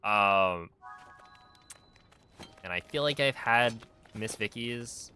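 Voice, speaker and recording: A man's voice: fairly low pitch, takes it slowly, music in the background. A man streaming a speedrun, chatting casually and easygoingly while reacting to his viewers' messages. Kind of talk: casual live-stream chat.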